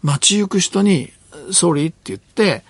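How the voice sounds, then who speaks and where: A man's voice: high-pitched, big pitch swings, measured pace, gravelly. An older man hosting a radio talk show, giving emphatic commentary in bursts with many tag particles. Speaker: radio host.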